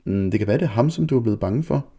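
Kind, calm mother, soft reassurance, man putting it on. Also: mid-range voice, creaky, pitched above the performer's own voice. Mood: reassuring. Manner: soothing, kind.

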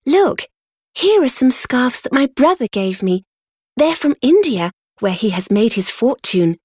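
A woman doing a sweet, gentle young lady. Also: on the high side, very animated, a little slow, slightly rough, dry recording, studio quality, pitched above the performer's own voice, exaggerated voice. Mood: affectionate.

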